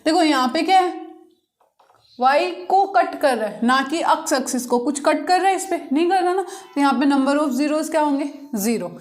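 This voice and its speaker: A woman's voice: sits high, lively intonation, moderate pace. A woman maths teacher, teaching a class at the board. She keeps asking the class questions and answering them herself. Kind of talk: classroom lesson explaining problems.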